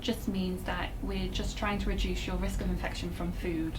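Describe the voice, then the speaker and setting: A woman working as a specialist dietitian explains diet advice in a clear, measured way, with occasional fillers. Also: fairly low pitch, flat delivery. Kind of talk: expert explanation for an information video. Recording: interview with noticeable background noise.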